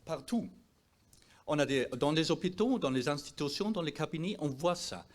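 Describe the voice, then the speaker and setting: A man with a foreign accent, a non-native speaker of French, giving a presentation as a doctor, emphatic and sometimes halting as he searches for words. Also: a little high, lively intonation. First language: not French. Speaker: doctor presenting at a health conference. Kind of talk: presentation to an audience.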